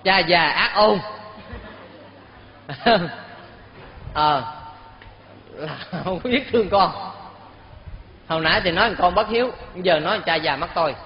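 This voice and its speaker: A man with a Southern Vietnamese accent and a high voice preaches to a gathered audience, spinning a parable and breaking off to quiz his listeners. The sound is muffled and dull, and his voice rings out in a long, echoing hall. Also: moderate pace, long pauses. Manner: lively, keeps quizzing the audience. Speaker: Buddhist teacher. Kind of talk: storytelling sermon to an audience.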